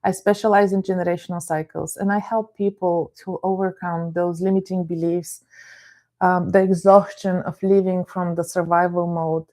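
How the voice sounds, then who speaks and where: A middle-aged Bulgarian woman who works as a therapist and life coach gives a calm, explanatory talk on a live stream, greeting viewers by name. Her voice is lowish and she speaks at a normal speed.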